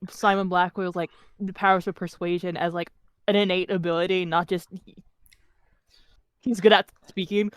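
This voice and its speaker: A woman's voice: lowish voice, little pitch movement, moderate pace, pauses often, clear, resonant tone, no room sound. A woman musing with many fillers in a casual chat between dub takes. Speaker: voice actor in a fan dub.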